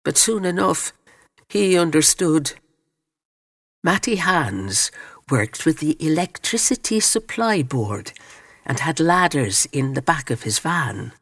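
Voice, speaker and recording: A man narrates a story aloud in a solemn, measured way. His voice is a little higher than most men's, and it is slow with a gravelly rasp. The recording is dry and close. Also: sing-song, a bit bright, no room sound.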